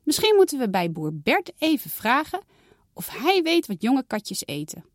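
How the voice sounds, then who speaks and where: A woman voicing a kind but firm mother in a read-aloud storybook, speaking calmly and warmly to her daughters. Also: high-pitched, moderate pace, no room sound, clean studio sound, pitched above the performer's own voice. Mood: motherly.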